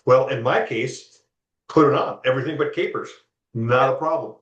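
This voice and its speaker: A man's voice: mid-range voice, moderate pace, a bit bright. Man, interview guest, casual rambling talk, echoey room, dull lo-fi sound. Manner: rambling, repeats "you know" often.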